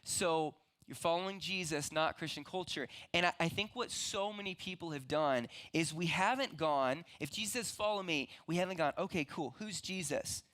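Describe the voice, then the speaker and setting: A man's voice: fairly high pitch, moderate pace, hardly any pauses, fairly bright tone. A young man preaching a sermon as pastor, earnest and conversational, with frequent restarts.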